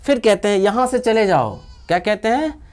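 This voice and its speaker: A Hindi-speaking woman with an Indian accent teaching spoken English, repeating each phrase slowly for learners. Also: medium pitch, sing-song, a little mellow. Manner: slow, drawn-out repetition of phrases for learners.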